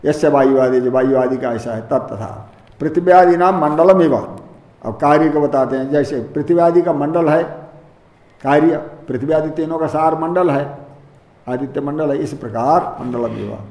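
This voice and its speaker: A man's voice: on the high side, normal speed, darkish tone, echoey room. A man teaching a scriptural commentary, explaining Sanskrit terms word by word in Hindi and rephrasing each point patiently. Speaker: Vedanta teacher.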